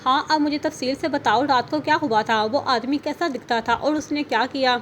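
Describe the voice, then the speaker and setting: A woman's voice: sits high, normal speed, fairly bright tone, slight background noise. A woman voicing a stern, domineering young husband in an audio novel, speaking in a commanding way. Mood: questioning. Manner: commanding, scolding.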